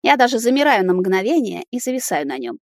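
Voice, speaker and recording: A woman reading a first-person novel aloud, with steady, intimate storytelling. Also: a little high, a little fast, no echo, clean studio sound. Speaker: audiobook reader.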